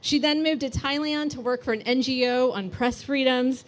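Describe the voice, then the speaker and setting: A woman's voice: high-pitched, fairly even intonation, moderate pace. Woman emcee with joking asides. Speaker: event emcee introducing the speaker. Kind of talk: speech introduction.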